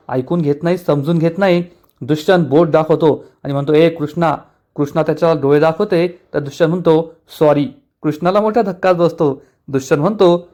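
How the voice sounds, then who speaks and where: A man with a notably high voice tells a serial episode in a chatty recap. He swings into each character's dialogue with animated emphasis, quoting husband, wife and elder in turn. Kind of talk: casual retelling of a TV episode.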